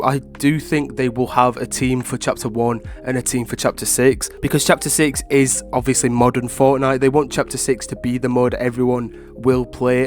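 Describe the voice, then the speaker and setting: A man who is ill with a blocked, nasal voice, giving casual, rambling opinion commentary to viewers as a gaming video creator. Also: mid-range voice. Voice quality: nasal, congested. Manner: informal, rambling, frequent hedging with "like" and "obviously".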